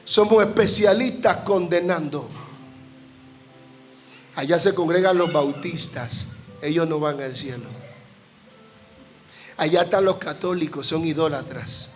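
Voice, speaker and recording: A man with a Panamanian Spanish accent, a guest preacher giving an impassioned sermon to a church congregation. He often shouts and climbs to emotional peaks. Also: fairly high pitch, unhurried, long pauses, soft background music.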